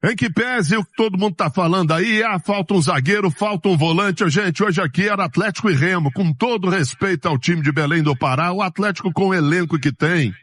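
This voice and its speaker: A Brazilian man speaks as a radio football commentator in a high, dry-sounding voice. He is emphatic and indignant, giving opinions in colloquial speech. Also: a little fast, hardly any pauses, fairly bright tone, dry recording. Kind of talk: opinionated post-match commentary.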